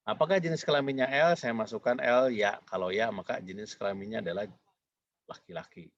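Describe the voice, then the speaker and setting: A man's voice: lowish voice, lively intonation, fairly quick, no room sound, muffled recording. A man giving a recorded programming lecture, talking in a rambling, repetitive way with many fillers.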